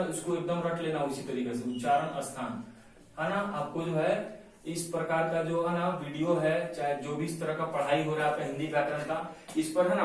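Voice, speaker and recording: A man teaching Hindi grammar in a lecture, forever adding "है ना" and slowing down to dictate notes. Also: on the high side. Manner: repeats the tag "है ना" constantly, slows to dictate notes. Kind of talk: classroom lecture, explaining and dictating. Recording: very echoey room, from a distance, faint noise.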